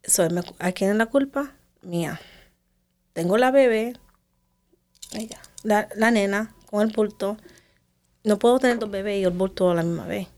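A woman, telling her own life story in an interview and sometimes sinking to a hush. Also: mid-range voice, normal speed, pauses often. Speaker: interview guest. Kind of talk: emotional personal testimony.

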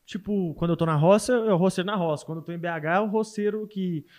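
Fast-talking young Mineiro man. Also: high-pitched, a little mellow. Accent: Mineiro Brazilian Portuguese. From Minas Gerais, Brazil. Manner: chatty, tags lines with 'entendeu?'. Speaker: guest content creator. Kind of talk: casual interview chat.

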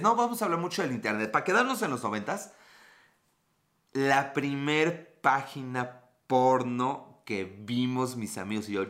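A man's voice: mid-range voice, a bit bright. A man in his thirties with a Mexican accent, hosting a casual, joking live stream and reading out viewer comments. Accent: Mexican Spanish. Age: 30s. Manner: joking, profane, reads out chat comments.

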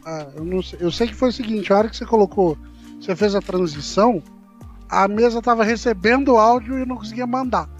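A man's voice: high voice, quick pace, dull audio, soft background music. A man co-hosting a casual podcast from a remote mic, talking in a scattered, self-mocking way. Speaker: podcast co-host. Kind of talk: casual chat. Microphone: remote mic with the signal fading.

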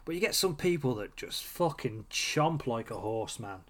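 Sweary, animated young man. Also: medium pitch, moderate pace. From Britain. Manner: sweary, animated ranting with laughter. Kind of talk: casual chat.

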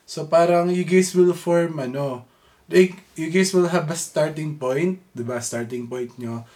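A young man from the Philippines talks through a childhood game with friends in a loose, chatty way, switching into English phrases now and then. His voice sits a little high for a man. It sounds like easygoing podcast banter. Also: unhurried, warm tone. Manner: chatty, mixes in English, addresses friends as bro. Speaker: podcast co-host. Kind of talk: casual chat.

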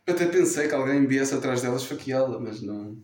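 A man with a European Portuguese accent telling stories in a casual chat, animated and self-mocking. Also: mid-range voice, quick pace. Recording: echoey room.

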